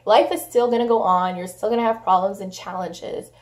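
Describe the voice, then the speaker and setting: A young woman talks straight to her camera at home, blunt and chatty, with plenty of swearing and "like" fillers. She is getting over a cold, so her voice has a hoarse, smoky edge, while her pitch sits in an ordinary middle range. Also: fairly even intonation, brisk. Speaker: vlogger. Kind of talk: casual vlog talk to camera.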